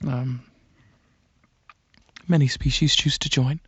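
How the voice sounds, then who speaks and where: With the highs cut off, the audio carries a man's mid-range, breathy voice that often sinks to a whisper. He's performing quiet ASMR roleplay as a calm alien dragon examiner, hesitant and pausing between clinical questions.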